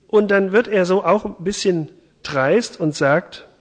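Man preaching slowly in a reverberant church. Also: sits high. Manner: retells scripture in a chatty, lively way. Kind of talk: sermon with Bible reading.

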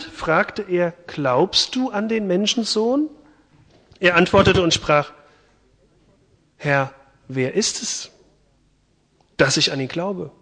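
A man giving a sermon, retelling and reading a Bible passage in a chatty, lively way. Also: fairly high pitch, in a large hall. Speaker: preacher. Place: church.

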